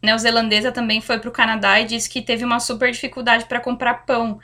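A young Brazilian woman with a Brazilian Portuguese accent, hosting a podcast and telling personal stories in a chatty, relaxed way. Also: fairly high pitch, brisk. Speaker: podcast host. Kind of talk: casual chat.

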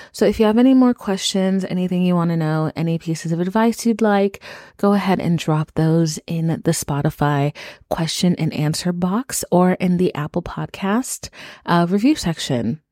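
A woman's voice: on the low side, warm tone, dry recording, studio quality. A woman hosting a podcast, talking straight to listeners in a familiar, conversational introduction. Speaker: podcast host.

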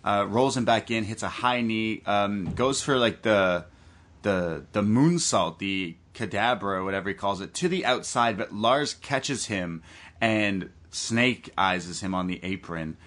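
Low-pitched man recapping a match casually. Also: lively intonation, a little slow, a bit bright. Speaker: podcast host.

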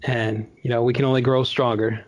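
A man's voice: medium pitch, little pitch movement, fairly quick, dry recording. An easygoing man hosting a podcast, his voice in a middle range. He chats casually and swears now and then, and the sound is dry and close. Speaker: podcast host.

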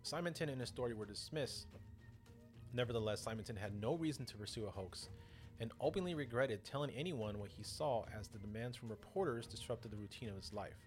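A man's voice: medium pitch, brisk. Podcast guy telling weird stories, jokey asides, voice all over the place, a bit of music in the back. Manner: lively, joking, self-interrupting. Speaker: podcast host. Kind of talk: casual storytelling podcast.

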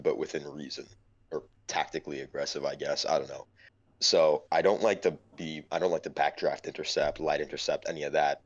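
A man's voice: a bass voice, muffled recording. A man co-hosting a casual gaming podcast, laid-back and analytical about tactics.

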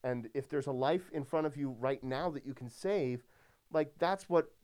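A priest chatting casually on a podcast, his voice smooth and resonant at an ordinary middle pitch. He rambles easily and often leans on "like" and "you know.". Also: normal speed, darkish tone. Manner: easygoing, heavy use of "like" and "you know".

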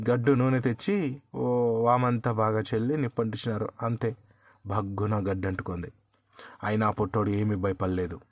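Animated male folk-tale storyteller. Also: medium pitch, no echo. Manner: expressive, animated storytelling with vivid sound words.

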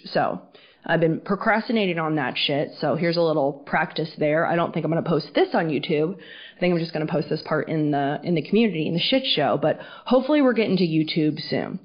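Woman host with muffled, underwater-sounding audio. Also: low voice. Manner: candid and chatty, swears freely. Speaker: podcast host. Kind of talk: casual solo podcast talk. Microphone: recording to video camera.

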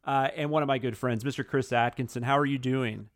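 A man's voice: medium pitch, fairly even intonation, brisk, dry recording. Rambling man hosting a podcast, dry sound. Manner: rambling, self-deprecating, laughs often. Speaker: podcast host. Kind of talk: casual chat.

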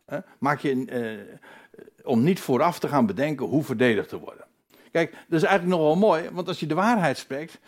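A man teaching from the Bible in a conversational way, hesitating and restarting, then rising to emphatic declarations. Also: mid-range voice. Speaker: preacher.

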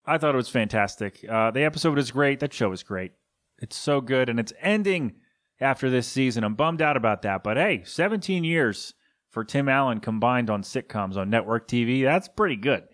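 A man's voice: mid-range voice, animated, moderate pace, fairly bright tone. Rambling, chuckling male podcast host. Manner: rambling, chuckling asides, frequent ums and uhs. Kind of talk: casual solo podcast monologue.

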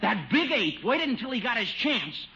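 Boyish young man, very high and bright, teasing; dull vintage broadcast. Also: very animated, moderate pace, gravelly, a little hiss or hum, exaggerated voice. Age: young adult. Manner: boyish, giggly. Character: cheerful young man, college-boy, teasing. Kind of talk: 1950s radio sitcom acting. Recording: muffled old radio broadcast recording.

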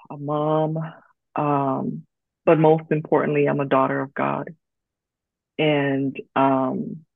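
A woman from Liberia, a podcast guest talking in a calm, reflective way. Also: deep voice, gravelly, dry recording. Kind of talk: casual podcast chat. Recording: tinny phone-like line, dry.

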